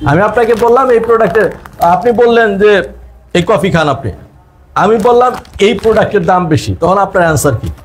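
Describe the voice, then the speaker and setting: A man's voice: high-pitched, animated, a little fast, a little hiss or hum. A man with a Bangladeshi Bengali accent leading a live business seminar on direct selling. He quizzes the audience, repeats his points and mixes in English phrases.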